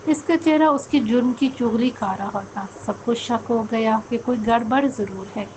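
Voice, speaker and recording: A woman narrating a scripted story in a steady, even storytelling delivery. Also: on the high side, a little hiss or hum, poor audio.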